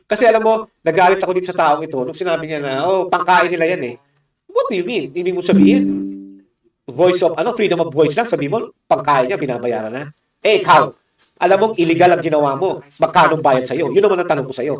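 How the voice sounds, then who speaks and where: Fast, combative man in an echoey room. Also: on the high side, expressive, distant mic. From Philippines. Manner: combative, mocking, rhetorical asides. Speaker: political commentator. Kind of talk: heated political commentary.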